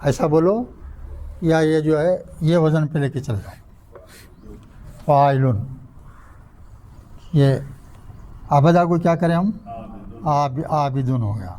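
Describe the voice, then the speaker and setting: Older male teacher, slightly high, mellow voice. Quizzes the class and spells out patterns syllable by syllable. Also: pauses often, low-quality recording. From India. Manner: asks the class questions and drills word patterns syllable by syllable. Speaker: Arabic grammar teacher. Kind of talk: classroom lecture. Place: mosque classroom.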